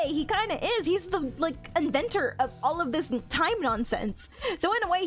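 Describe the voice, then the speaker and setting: A woman chatting casually with viewers on a game livestream in a cute, bubbly anime-streamer manner. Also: sits high. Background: video game music.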